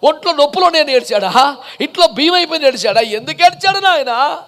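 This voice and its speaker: A male pastor preaching a passionate sermon, piling up rhetorical questions and building to shouted peaks. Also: very high voice, animated, quick pace.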